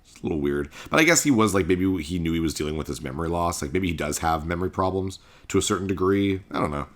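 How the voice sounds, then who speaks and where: A man's voice: sits low, animated, quick pace. A man hosting a casual video game playthrough, chatting in a jokey, conversational way. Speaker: video game let's-play host.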